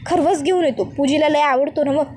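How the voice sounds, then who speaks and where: A woman's voice: sits high, brisk, a little hiss or hum, close to an everyday voice. Krishna, a woman doing a blunt rustic village wife. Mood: scolding. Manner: blunt, chattering, loud.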